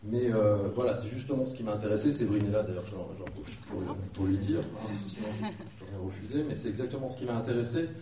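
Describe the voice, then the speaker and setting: A lowish-voiced man, hoarse from flu, introduces a conference panel as its moderator. His delivery is halting and soft-edged, picked up at a distance in a roomy space. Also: lively intonation. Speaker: round-table moderator, cultural agency director. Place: indoor conference room. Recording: roomy echoing hall, distant mic, faint noise.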